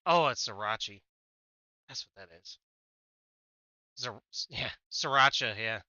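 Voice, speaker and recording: A man's voice: mid-range voice, expressive, unhurried, sharp tone, no room sound, muffled recording. A man streaming a game, chatting casually with a teammate, swearing often and trailing off mid-sentence. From United States. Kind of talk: casual gaming chat.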